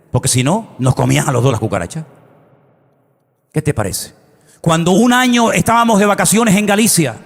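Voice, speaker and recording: A middle-aged man preaches in a hall with a long reverb tail. His voice sits high for a man. He tells his stories with lively animation and bursts into shouts now and then. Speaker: pastor. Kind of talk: sermon storytelling.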